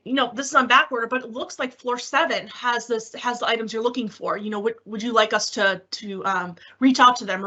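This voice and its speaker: A technical specialist with a slightly high voice gives a webinar software demo over an online meeting, explaining conversationally with examples and rhetorical questions and answering questions. The call audio is dull and lo-fi.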